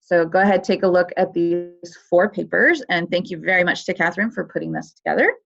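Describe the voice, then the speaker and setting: A woman with a fairly low, gravelly voice presents a webinar. She walks through her slides in a conversational way with plenty of fillers. Her audio comes through dull and lo-fi, like a computer mic. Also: brisk. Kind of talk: explaining a competition on a webinar.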